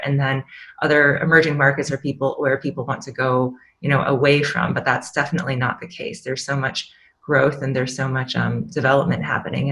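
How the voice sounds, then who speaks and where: A woman's voice: rumbling low, gravelly, fairly bright tone, a little hiss or hum. A woman, a startup CEO on an online panel, speaking in an articulate, reflective way. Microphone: video call.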